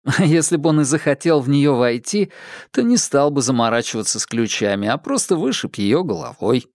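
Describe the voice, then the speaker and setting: A man playing a calm, ironic young male detective with a dry, teasing, unhurried manner in an audiobook. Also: medium pitch, no room sound, voice pushed up, close to an everyday voice. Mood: wry.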